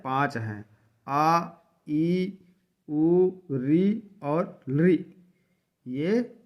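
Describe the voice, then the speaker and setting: A man teaching Sanskrit grammar in a slow explanatory lesson, repeating each definition and drawing out the example sounds. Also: on the high side.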